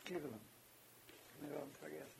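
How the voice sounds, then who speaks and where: An older woman with a Yiddish accent recalling memories in halting, broken English. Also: low-pitched, gravelly, a loud crowd. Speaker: interviewee, immigrant recalling the journey. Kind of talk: casual oral history recollection. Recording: hissy, noisy amateur home recording.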